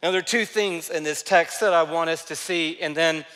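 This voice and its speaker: Bright-voiced preacher in a reverberant hall. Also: male voice, on the high side, moderate pace. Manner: animated storytelling, dropping soft for quoted lines. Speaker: pastor. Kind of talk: sermon.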